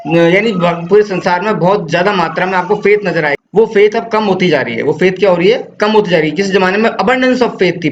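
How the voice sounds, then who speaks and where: In a classroom lecture on English literature, a high-pitched man patiently explains poetic devices, repeating points, posing rhetorical questions and reading poem lines slowly while mixing English terms into his talk. The audio is dull and lo-fi with faint noise.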